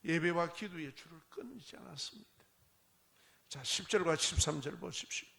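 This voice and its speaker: A man's voice: fairly high pitch, moderate pace, creaky, fairly bright tone. A man pastor preaching a sermon in a church, emphatic and repetitive, with many rhetorical questions. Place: church sanctuary.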